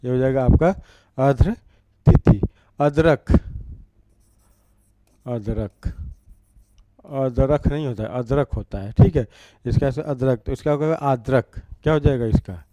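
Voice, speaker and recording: A man's voice: medium pitch, a little slow, pauses often, dark tone. A man teaching an exam-prep grammar lesson, repeating each word and asking rhetorical questions as he writes.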